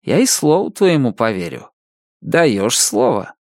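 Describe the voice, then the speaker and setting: Brief: man playing a sadistic officer, syrupy and sanctimonious, lively swings in pitch, dry close mic. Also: measured pace, gravelly, no room sound, full character voice. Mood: mock-gentle. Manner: mock-gentle, sanctimonious. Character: sly, cruel male officer feigning kindness.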